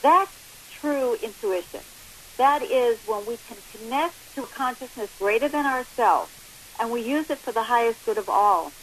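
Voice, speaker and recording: A woman's voice: a little high, moderate pace. A woman in her late sixties giving an emphatic, explanatory interview over the phone as a guest counselor. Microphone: telephone. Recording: hissy, noisy phone line.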